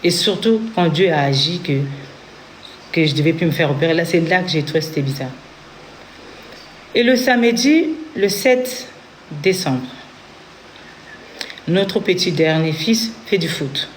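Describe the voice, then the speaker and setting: A woman's voice: on the low side, lively intonation, unhurried, pauses often, slight background noise. A woman from Congo with a Congolese French accent, telling her own story in an earnest testimony and acting out what others said. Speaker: interviewee giving a testimony. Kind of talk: personal testimony.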